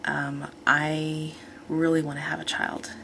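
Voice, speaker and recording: A woman's voice: low-pitched, level tone, slow, gravelly, sharp tone, slight background noise. A woman in her thirties talking casually in a rambling, chatty personal vlog, often correcting herself. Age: 30s. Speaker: vlogger.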